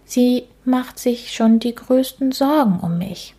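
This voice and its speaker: A woman putting on a gentle ghost lady from a storybook, her voice lifted high above the narrator's own. She sounds worn out and plaintive, whining softly yet staying polite. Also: slow. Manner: whiny, plaintive. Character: sad, tired female ghost, polite and whiny. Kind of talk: storybook reading.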